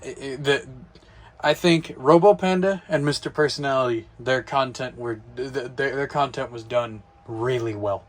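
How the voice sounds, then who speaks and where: A man's voice: mid-range voice, moderate pace. Rambling, casual guy talking toy robots. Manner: rambling, swears, many restarts. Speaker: toy robot collector vlogger. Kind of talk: casual chat. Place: indoor room, late at night.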